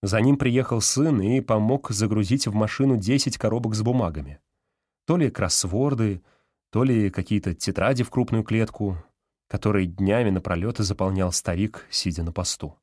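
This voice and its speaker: A man reading a story aloud as an audiobook narrator with an even storytelling delivery. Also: lowish voice, normal speed, no room sound, studio quality.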